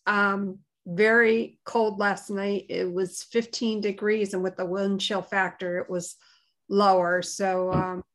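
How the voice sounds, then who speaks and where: A woman co-hosting a morning livestream, chatting casually in a reflective, halting way. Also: mid-range voice, flat delivery, fairly bright tone. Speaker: co-host of a sisters' morning livestream. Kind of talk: casual chat.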